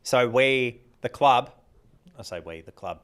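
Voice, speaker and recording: A man's voice: mid-range voice, expressive, measured pace, fairly bright tone, clean tone. A man co-hosting a casual podcast, talking in a rambling way, often breaking off his sentences and laughing. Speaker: podcast co-host and club organiser.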